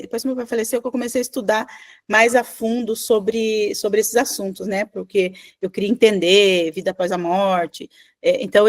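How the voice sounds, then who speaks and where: A middle-aged woman, teaching an informal online class in a chatty, animated way, with asides to the class. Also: on the high side. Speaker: spiritual teacher.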